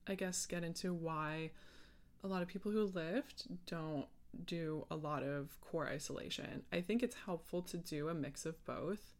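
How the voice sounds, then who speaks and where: A woman with a low-pitched voice and a measured pace chats alone on her podcast. The chat is rambling and casual, full of self-interruptions and filler words.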